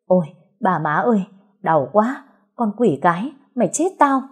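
A man's voice: fairly high pitch, moderate pace, darkish tone, lightly acted. A woman voicing a spoiled, cowardly young rich man who barks orders and threatens. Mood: pained, furious. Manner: bossy, threatening.

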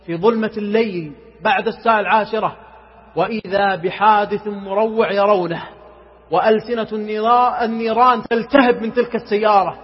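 A man whose voice sits high with a breathy edge preaches with great emotion, dramatically telling a story and rising to impassioned pleas, sometimes breaking into melodic chanting of verses. The recording is muffled and has a long hall reverb.

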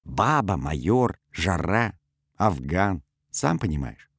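A man's voice: sits low, sing-song, slow pace, husky, dry recording, studio quality, exaggerated voice. A man voicing a nervous army officer who brushes things off with short, dismissive remarks, in a raised voice.

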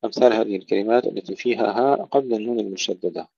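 A man teaching tajweed. He recites words slowly and carefully, then explains each rule in a plain voice. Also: fairly low pitch, vocal fry, warm tone, breathy edge, no room sound. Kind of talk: tajweed lesson with slow demonstrative recitation. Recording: dull, dry close recording.

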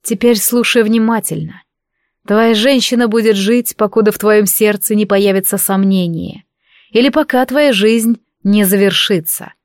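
A proud, mocking goddess with fiery hair speaks slowly and deliberately, voiced by a woman reading a fantasy audiobook. Her voice sits in a middle register. The recording is close and dry. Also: mid-range voice, no echo, natural voice. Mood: stern. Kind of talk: audiobook narration.

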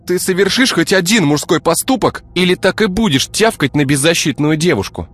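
Man voicing a shrill sharp-tongued young woman. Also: sing-song, unhurried, heavily acted. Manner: shrill, pleading then scornful. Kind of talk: audiobook character voice.

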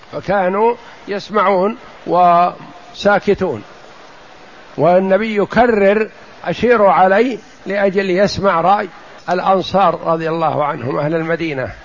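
A man teaches from a religious text with a fairly high voice, slowing to repeat and stress key words. The recording sounds dull and lo-fi. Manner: explains slowly, repeats phrases and says "yes" to cue the reader. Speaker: sheikh explaining a text. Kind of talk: religious lesson commentary.

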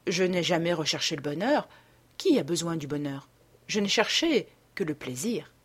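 A woman voicing a languid, pleasure-seeking young gentleman in an audiobook, speaking softly and quietly. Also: lowish voice, expressive, normal speed, breathy edge, voice pushed down. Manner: soft, quiet, languid replies. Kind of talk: audiobook character reading.

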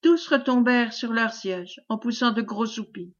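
A woman reading a classic novel aloud as audiobook narrator, in a steady, clear storytelling manner. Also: fairly high pitch, normal speed, dull audio. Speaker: audiobook reader.

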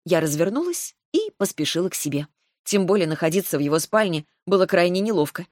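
A woman narrating a first-person fantasy audiobook in a wry, even storytelling manner. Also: on the low side, fast talker, no room sound, clean studio sound.

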